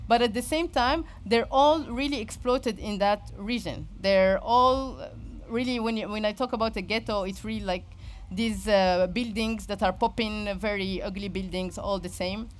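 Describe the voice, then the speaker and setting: A woman's voice: mid-range voice, slight background noise. Woman, Moroccan accent, informal presenter; hesitant delivery that keeps circling back to find the right word. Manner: halting, searching for words, frequent repetition. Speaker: speaker giving a talk.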